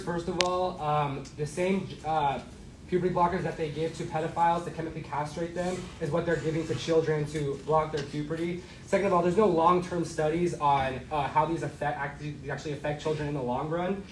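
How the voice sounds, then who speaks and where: A young man moderating a student debate, firm as he calls the room to order and then argues his side. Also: a little high. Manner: firm, calling for quiet. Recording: echoey room, distant mic, faint noise.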